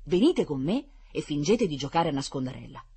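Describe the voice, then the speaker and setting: Bossy little planner girl, crisp and commanding, as a husky woman reader puts her on. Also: low-pitched, big pitch swings, warm tone, exaggerated voice. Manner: brisk, instructive, in charge.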